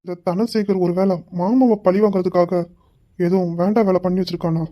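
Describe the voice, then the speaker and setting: A woman voicing a brooding young man, musing quietly. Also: fairly low pitch, fairly even intonation, brisk, lo-fi sound, pitched below the performer's own voice, close to an everyday voice. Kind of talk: amateur Tamil story drama.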